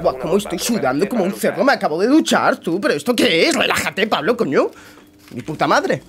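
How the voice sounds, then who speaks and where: A young man from Spain with a Spanish accent, commenting on his own game in his bedroom at home, swinging between muttering and excited shouting, and swearing a lot. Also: high voice, brisk. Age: young adult. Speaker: gamer streamer. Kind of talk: live gameplay commentary.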